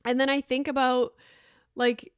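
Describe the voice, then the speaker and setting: A woman's voice: high-pitched, level tone, a little slow, clear, resonant tone, no room sound, clean studio sound. A woman in her thirties hosting a solo podcast, talking in a chatty, rambling way with lots of "like" and fillers. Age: 30s. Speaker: podcast host.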